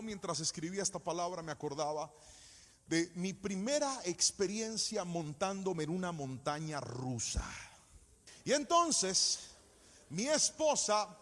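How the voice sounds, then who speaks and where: A man preaching a sermon in a church, speaking in an animated, sing-song cadence that rises to shouts and mixes in personal stories. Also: high-pitched. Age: adult, married with a child. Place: church service. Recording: echoey church hall.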